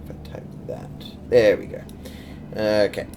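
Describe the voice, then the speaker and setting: Low-voiced man running a tabletop game. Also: flat delivery, measured pace, mellow. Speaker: game master. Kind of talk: casual tabletop game narration. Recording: clear background noise.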